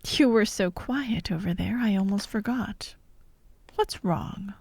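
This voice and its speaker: In an ASMR audio drama, a woman plays a vengeful, fired actress who holds hostages and sadistically directs her victims, taunting them theatrically and often sinking to a whisper. Her mid-range voice is slow, creaky, slightly rough and darkish, exaggerated for a sinister, mocking mood.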